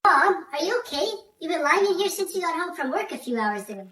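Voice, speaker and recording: A man putting on a high-pitched worried daughter. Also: sing-song, quick pace, sharp tone, far from the mic, heavily acted. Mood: concerned. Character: young daughter worried about mom.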